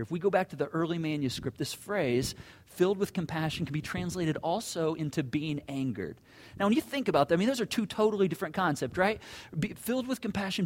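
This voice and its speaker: A man preaching a sermon, earnest, repeating words as he builds a point and dropping low and soft on solemn lines. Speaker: pastor.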